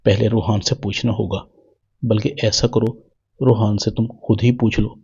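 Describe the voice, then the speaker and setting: A calm young husband and elder brother, read out by a man in a low, husky voice. The reading stays plain and sounds dull and lo-fi. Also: heavily acted.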